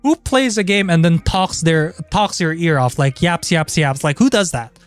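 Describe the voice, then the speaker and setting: A man's voice: fairly high pitch, animated, normal speed, clean tone. A man chatting casually on a livestream in an informal, sweary, rambling way. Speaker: streamer. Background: background music.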